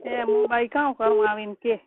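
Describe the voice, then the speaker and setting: A private telephone call has been recorded: a middle-aged relative with a rural Rajasthani Marwari accent gives advice in a colloquial, scolding way. Her voice leans high, steady in tone, at a moderate pace, over a tinny and noisy line.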